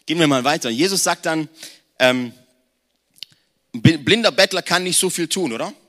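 A man around forty preaching a lively sermon in a conversational tone, speaking straight to the congregation. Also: fairly high pitch, moderate pace. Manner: conversational, addresses the congregation directly, mixes in English slang words. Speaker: pastor.

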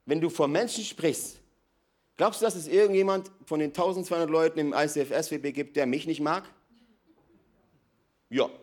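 A man preaching an energetic sermon in a large church hall, swinging from loud emphatic bursts to quiet low asides. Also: moderate pace, long pauses. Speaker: pastor.

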